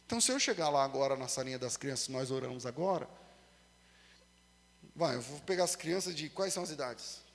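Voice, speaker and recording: A man preaching a sermon with a Brazilian Portuguese accent. He moves between loud emphasis and quiet asides and acts out quoted voices with humor. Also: medium pitch, lively intonation, fairly quick, in a large hall. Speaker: pastor.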